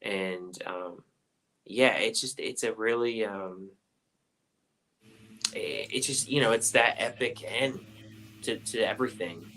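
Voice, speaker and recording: Bright, forceful man with a lowish voice. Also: slow, long pauses, low-quality recording. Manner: loose, rambling delivery with many fillers. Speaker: host of a movie review chat. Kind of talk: casual chat.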